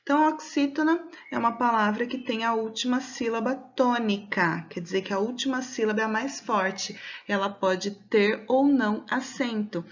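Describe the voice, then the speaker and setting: A Brazilian woman teaching a recorded lesson for children, explaining patiently step by step and slowly stretching out words to mark the stressed syllable. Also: a little high, dull audio. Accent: Brazilian Portuguese. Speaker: schoolteacher.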